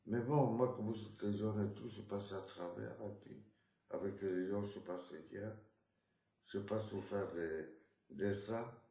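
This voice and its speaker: A man from Spain speaks with a Spanish accent in a relaxed interview, rambling and restarting his sentences as he recalls the past. His voice sits fairly low and has a gravelly, creaky grain. The recording carries a noticeable roomy echo. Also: unhurried. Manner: rambling, with frequent restarts and tag words. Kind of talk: casual life-story interview.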